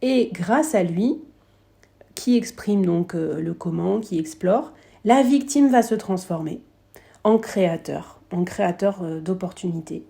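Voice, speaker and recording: A woman's voice: on the low side, expressive, a little slow, gravelly, mellow. A woman with a French accent giving a business coaching lesson, explaining ideas with emphasis and acting out short quoted examples.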